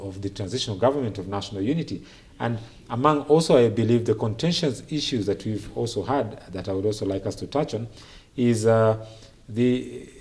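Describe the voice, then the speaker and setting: Man, Kenyan English accent, TV host, studio talk show, measured delivery. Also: on the low side, a little mellow, slightly rough. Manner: measured, searching phrasing with fillers.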